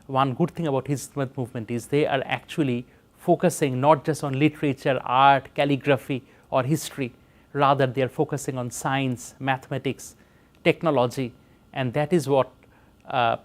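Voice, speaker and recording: A middle-aged man from Bangladesh, a professor speaking in an interview in an earnest, measured way with frequent pauses and fillers. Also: mid-range voice, a little mellow. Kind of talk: reflective interview talk.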